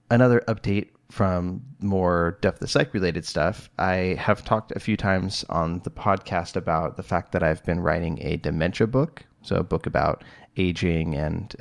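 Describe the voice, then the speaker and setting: A middle-aged psychologist hosts a solo podcast in a low-pitched, creaky voice. He talks casually and rambles, with lots of fillers and restarts.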